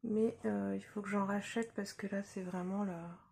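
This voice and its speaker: A woman's voice: medium pitch, normal speed, gravelly, husky. Young woman chatting through a makeup tutorial. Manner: relaxed, hesitant with frequent fillers. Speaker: beauty vlogger. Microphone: phone camera.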